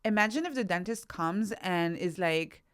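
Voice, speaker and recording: A woman with a lowish, clear and resonant voice talks at a moderate pace. As a podcast guest and researcher-author, she gives explanatory answers, teaching through rhetorical questions and acted-out examples.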